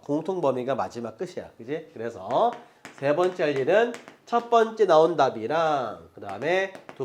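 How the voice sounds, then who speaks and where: A middle-aged man lecturing on math, his voice sitting somewhat high and swinging up and down with energy. He explains step by step and keeps punctuating points with quick check-in questions to his students. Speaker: math teacher.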